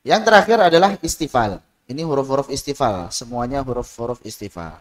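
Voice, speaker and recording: Teacher drilling letter sounds in a hall. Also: male voice, mid-range voice, animated, fairly quick. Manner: drills letter sounds aloud, asks students to repeat. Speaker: Quran recitation teacher. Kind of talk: tajwid lesson.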